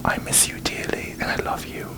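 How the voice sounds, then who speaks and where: Man whispering as prim queen Alicent Hightower. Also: moderate pace, natural voice. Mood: yearning, pleading. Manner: formal, pompous, archaic wording. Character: prim, needy, aggrieved medieval queen, a woman. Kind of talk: whispered ASMR parody.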